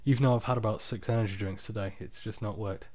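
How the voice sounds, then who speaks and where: A tired man giving a casual, unscripted screen-recording tutorial, explaining software steps in an informal, off-the-cuff way. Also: fairly low pitch, fairly even intonation, fast, no echo. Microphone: external microphone, close and dry.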